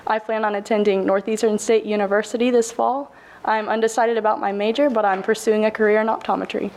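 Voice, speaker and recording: An eighteen-year-old woman from Oklahoma, an intern, introducing herself at a podium and starting haltingly with a greeting in Cherokee. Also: medium pitch, level tone, a little mellow, slight background noise.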